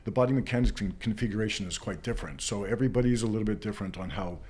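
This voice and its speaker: Fast-talking man with a lowish voice. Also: darkish tone. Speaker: massage therapist, interview guest. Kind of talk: casual interview explanation.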